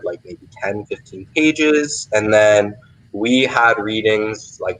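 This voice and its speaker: Over a remote video livestream, a young playwright runs a laid-back Q&A, his voice on the low side with a slight brightness. His talk is loose and thought-out-loud, peppered with "like" and "kind of," and the audio is low quality.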